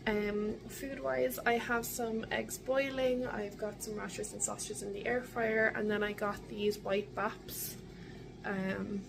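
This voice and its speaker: A woman's voice: medium pitch, little pitch movement, slow, creaky, noisy background. A young adult woman with an Irish accent, chatting casually and in a rambling way, as in a video diary. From Ireland. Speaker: vlogger.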